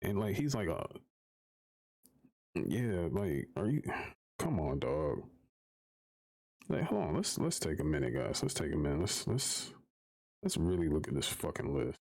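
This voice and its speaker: A man with a low, deep voice rants on a live stream. He swears freely and circles back on his points in exasperation, talking casually to his viewers. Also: sing-song, unhurried, pauses often, a little mellow. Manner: profane, exasperated, repeats himself while arguing.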